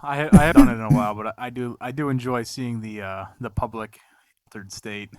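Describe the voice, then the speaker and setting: A man's voice: medium pitch, fast talker, no room sound. Man, casual podcast chat, loose and profane, dry close sound. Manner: laid-back, swears often, laughs a lot. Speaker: podcast host.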